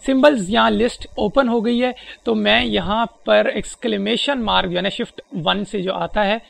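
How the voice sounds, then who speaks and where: A man walking through software settings step by step in a spoken tutorial, pausing often with hesitant fillers. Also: high-pitched, fairly even intonation, vocal fry. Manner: explains step by step with frequent hesitations. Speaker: presenter demonstrating a screen reader.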